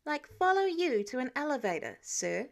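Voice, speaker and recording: Woman doing a cheeky indignant teen-ish superhero guy, high voice, bouncy delivery, audiobook style. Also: big pitch swings, normal speed, gravelly, full character voice. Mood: defiant, cheeky. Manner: indignant, sassy. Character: irritated, defiant young male superhero, earnest and cheeky. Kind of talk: audiobook character dialogue.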